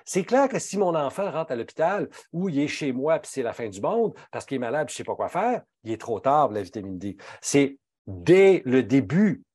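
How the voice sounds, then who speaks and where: A man's voice: big pitch swings, brisk, hardly any pauses, darkish tone, breathy edge, dry recording, clean studio sound. A man with a Québécois French accent giving a health talk as a pharmacist, emphatic and indignant in manner. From Quebec. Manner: emphatic, indignant, swings pitch widely for emphasis.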